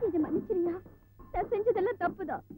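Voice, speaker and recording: An actress playing a remorseful young village wife, pleading emotionally in an old film scene. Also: female voice, very high-pitched, brisk, very noisy. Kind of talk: 1990s film acting. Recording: tinny lo-fi film soundtrack with music.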